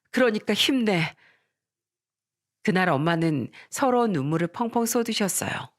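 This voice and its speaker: A woman giving scripted narration of a story in a calm, polite storytelling manner. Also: fairly low pitch.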